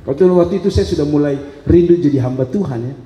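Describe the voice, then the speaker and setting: A man's voice: fairly high pitch, quick pace, warm tone. A middle-aged man with a Kupang-tinged accent, preaching a sermon as a pastor and telling personal stories in a chatty way with humorous asides. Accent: Kupang Malay-tinged Indonesian. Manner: conversational storytelling with humorous asides. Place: church hall. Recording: echoey church hall with long reverb.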